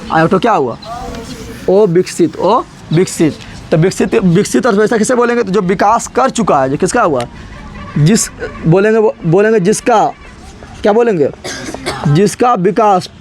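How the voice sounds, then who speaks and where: Young male teacher, raised pitch, repetitive call-and-response lecturing. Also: a little mellow. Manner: drills students with constant repeated questions. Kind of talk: classroom lecture.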